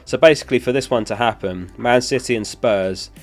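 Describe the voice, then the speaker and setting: A young man with a mid-range voice hosts a live stream, talking fairly quickly with faint music in the background. He chats casually and answers questions from chat while he recovers from losing his voice.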